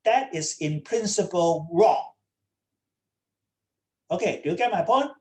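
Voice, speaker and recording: Slow-spoken woman lecturing with many "okay?"s. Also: fairly low pitch, expressive, dark tone. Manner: checks in with students often, repeating "okay?". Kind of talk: online lecture. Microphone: computer mic on a video call.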